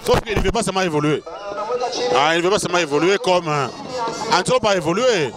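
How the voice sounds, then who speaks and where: A man's voice: high voice, animated, fast, a loud crowd. A man with a Congolese French accent doing casual live wrestling commentary with a partner, emphatic and often repeating his words. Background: loud music.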